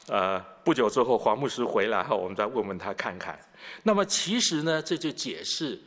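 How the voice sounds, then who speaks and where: Man, pastor, expository sermon, rhetorical questions, mid-pitched voice, long hall reverb.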